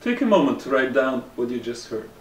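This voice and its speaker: A Russian-accented man teaches in an echoey room, delivering scripted lesson narration. His medium-pitched voice is very animated and fairly quick. The somewhat distant mic picks up roomy echo, faint ambience and slight background noise.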